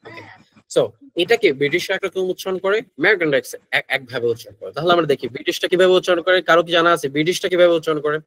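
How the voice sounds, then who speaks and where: A Bangladeshi-accented man with a slightly high voice leads a pronunciation lesson. He switches between Bengali and English and quizzes his class as he goes. The sound is dry and close. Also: rapid-fire, fairly bright tone, dry recording, poor audio. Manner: mixes Bengali with English phrases, asks the class questions. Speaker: English teacher. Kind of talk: online class lecture.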